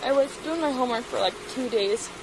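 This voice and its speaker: A woman's voice: high-pitched, fairly quick. An intoxicated young woman giving hesitant, apologetic answers to police questions, heard on body cam audio. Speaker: detained driver. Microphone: officer's body-worn camera. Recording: body cam audio, clear background noise. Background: vehicle and ambient noise.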